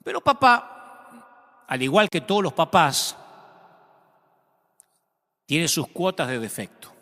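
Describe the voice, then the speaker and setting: A man preaching a sermon, telling a story dramatically and rising loudly at its peaks. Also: fairly high pitch, expressive, takes it slowly. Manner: dramatic, swells loudly when quoting the son. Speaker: pastor. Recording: long hall reverb.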